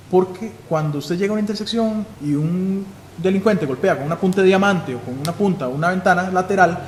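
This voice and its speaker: A man with a Costa Rican accent, a police chief giving a live security seminar, who asks questions and then answers them himself. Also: a little high. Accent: Costa Rican Spanish. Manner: instructive, asks and answers his own questions. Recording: echoey hall with faint noise.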